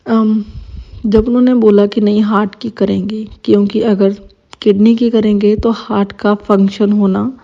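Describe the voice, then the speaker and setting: A woman's voice: mid-range voice, level tone, measured pace. A woman, telling a personal devotional testimony in an emotional, hesitant way with many fillers. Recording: dull lo-fi recording.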